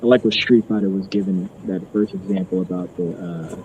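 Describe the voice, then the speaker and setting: A man chats casually about sports in a low, laid-back voice with loose restarts. The sound is muffled, as if coming through a wall, with a dull lo-fi quality and a faint hiss underneath. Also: a little fast. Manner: relaxed, talks in loose restarts.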